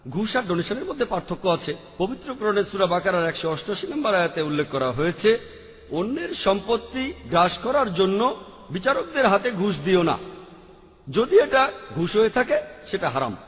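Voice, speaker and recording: A man's voice: sits high, big pitch swings, moderate pace. A man giving a question-and-answer lecture, answering audience questions methodically, quoting scripture verses and listing options one by one. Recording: long hall reverb.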